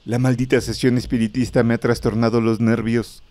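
A man's voice: medium pitch, level tone, brisk, darkish tone, voice pushed up, lightly acted. A man voicing a terrified male doctor who is breathless and shaken, crying out in fear.

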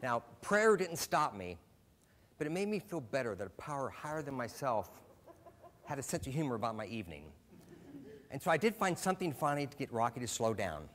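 A middle-aged man from Alaska gives a short, humorous stage talk. His voice sits at an ordinary middle pitch. He pokes fun at himself and paces his jokes with easy comic timing. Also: very animated, fairly quick, fairly bright tone. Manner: self-deprecating storytelling with comic timing. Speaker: speaker.

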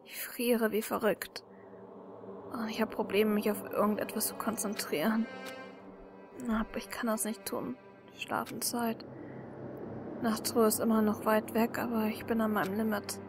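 A woman's voice: a little high, level tone, moderate pace, music in the background. A woman playing a video game, reading the hero's first-person narration aloud and breaking off to comment with frequent giggles. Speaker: let's play gamer.

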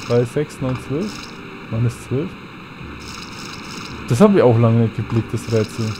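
Chatty German let's player. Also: male voice, mid-range voice, animated, moderate pace, background noise. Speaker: let's play gamer. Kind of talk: casual game commentary.

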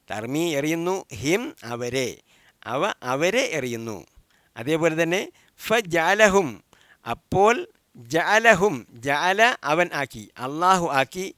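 A man's voice: a little high, a bit bright, no room sound, studio quality. A man teaching a recorded language lesson, who drills each word form and gives its meaning, then asks listeners to repeat after him. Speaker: Quran Arabic teacher.

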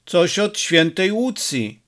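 A man's voice: high voice, very animated, slow pace, fairly bright tone, full character voice. A man voicing a stubborn, hurt six-year-old boy who pleads and insists, in an audiobook reading. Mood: stubborn, plaintive.

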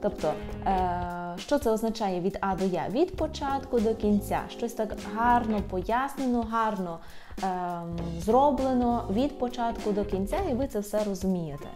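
A young adult woman teaching Polish in a video lesson, patiently saying each example word slowly and more than once. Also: mid-range voice, music in the background.

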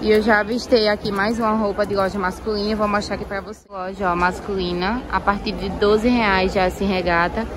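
A shopping vlogger with a mid-range, steady voice talks briskly and with few pauses as she tours a busy indoor clothing market on her phone camera. Speaking through a face mask, she chats casually and points things out to viewers, often saying "ó" and "olha só," with crowded market noise behind her.

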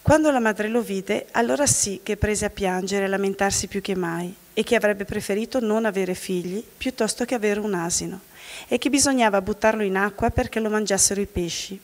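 A woman from the audience reading a fairy tale aloud in a steady storytelling manner. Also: mid-range voice, brisk. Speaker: volunteer reader from the audience. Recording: long hall reverb.

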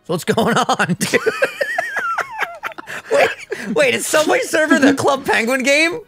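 A man in his twenties co-hosting a gaming playthrough, chatting casually and teasing his friend with quick laughs. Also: extremely high pitch, huge pitch swings, music in the background. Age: 20s. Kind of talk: casual chat over gameplay.

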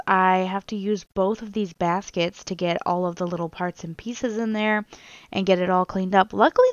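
A woman's voice: medium pitch, no echo, highs cut off. A young woman, mother of toddlers, giving a chatty voice-over for her cleaning vlog, often laughing between remarks. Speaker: cleaning vlogger. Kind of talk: casual voice-over narration.

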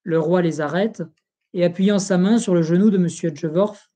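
Narrator: solemn audiobook reader of an old history book, mellow, steady. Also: mid-range voice, normal speed. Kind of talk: reading a history book aloud.

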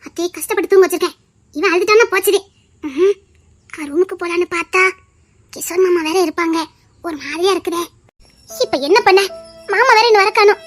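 A woman's voice: very high voice, fairly quick, long pauses, fairly bright tone, soft background music. A woman playing an anxious young woman in a family household, muttering worriedly to herself and calling out for someone, with a Tirunelveli Tamil accent. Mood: fretting. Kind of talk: audio drama acting.

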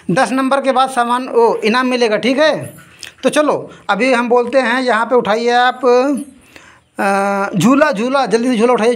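Her voice on the high side, a woman leads two children through a toy-finding game with spirited running commentary. She hurries them by repeating item names fast, and between rounds she alternates scolding with laughing.

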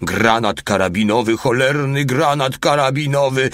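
A man voicing a small, excitable soldier who shouts in drawn-out words in a war audiobook. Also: medium pitch, dry recording, clean studio sound, voice pushed up, natural voice. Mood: shouting.

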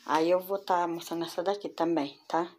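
A woman's voice: fairly low pitch, fairly even intonation, normal speed, a little mellow, slight background noise. A woman vlogging from home, chatting casually as she shows and prices her crochet work and talks straight to her viewers. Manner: chatty, addresses viewers as girls. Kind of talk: casual show-and-tell. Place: home room with door closed.

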